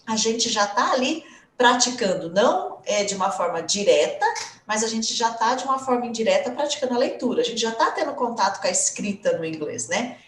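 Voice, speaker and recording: A woman English teacher hosting a live stream, talking in an enthusiastic, encouraging way. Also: fairly high pitch. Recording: echoey room, voice a bit far from the mic.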